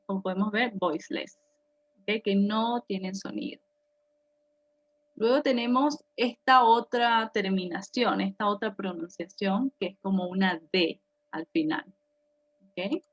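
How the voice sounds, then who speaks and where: Slow, patient woman teacher. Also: mid-range voice. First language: Spanish. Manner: slow and patient, checks in with "ok?" constantly. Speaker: English teacher. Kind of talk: classroom lesson explaining pronunciation. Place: classroom. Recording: dull lo-fi classroom recording.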